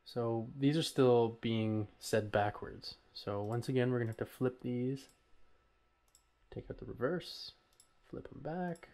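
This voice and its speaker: Recording a voice-over at his computer, a man talks casually and a bit hesitantly through each step of an informal audio tutorial. He speaks at a measured pace in a dark, medium-pitched voice.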